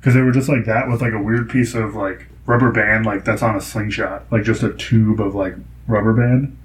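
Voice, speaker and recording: Rambling young man, lower voice. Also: steady tone, normal speed, slight background noise, poor audio. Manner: rambling, filler-heavy storytelling. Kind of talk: casual chat.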